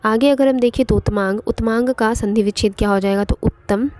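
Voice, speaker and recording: A woman's voice: fairly high pitch, steady tone, a little fast, darkish tone, no room sound. A woman teaching an online exam-prep grammar lesson, explaining step by step and repeating points with frequent fillers.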